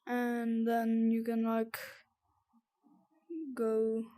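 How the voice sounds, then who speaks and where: A gamer giving casual, sweary VR gameplay commentary in a halting, rambling way that repeats words, with audible heavy breathing. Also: mid-range voice, monotone, warm tone, clear, resonant tone. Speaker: gamer presenting a VR game tutorial.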